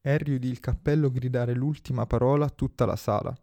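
A man narrating a story aloud in a steady, measured reading style. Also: medium pitch, vocal fry, no echo. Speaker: audiobook narrator.

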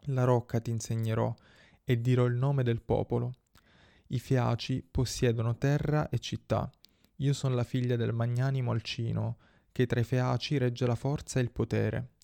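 A man's voice: medium pitch, level tone, gravelly, dark tone, natural voice. A man reading as a gracious young princess. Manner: solemn, measured recitation.

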